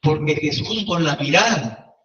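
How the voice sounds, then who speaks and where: Man, retreat leader, chatty teaching style, slightly high pitch, distant from the mic. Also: unhurried, a bit bright. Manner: conversational, asks listeners for agreement often. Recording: roomy, distant and dull-sounding.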